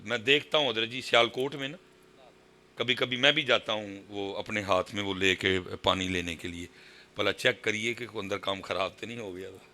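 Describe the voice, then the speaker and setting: A Pakistani man with a Punjabi accent preaching a sermon at a religious gathering, moving from quiet talk to high shouted exhortation. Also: fairly even intonation, moderate pace. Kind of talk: impassioned sermon.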